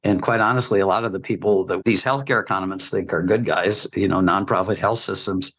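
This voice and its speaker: A man's voice: low voice, steady tone, brisk, fairly bright tone, husky, rough recording. A man giving opinionated, emphatic commentary on a podcast, laying out his points like a lecture.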